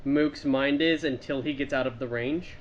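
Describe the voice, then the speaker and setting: A man's voice: mid-range voice, fairly even intonation, normal speed, muffled recording. A man playing a tabletop game, earnest and planning his character's moves. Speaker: player. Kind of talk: casual tabletop play.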